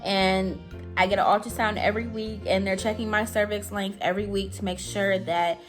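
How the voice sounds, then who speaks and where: A young woman tells a personal story straight to camera in a loose, chatty way, leaning on "like" and "I'm telling you". She sounds anxious, and her voice sits at an ordinary mid pitch. Faint music plays underneath. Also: level tone, moderate pace. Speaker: vlogger. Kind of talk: casual storytime.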